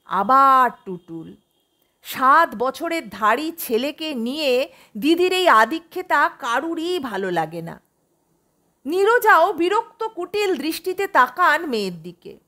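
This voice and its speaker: Rich: A woman reading a suspense story aloud with expressive storytelling. Her voice sits very high and moves a lot, slow and bright. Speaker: narrator. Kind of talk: scripted audiobook narration.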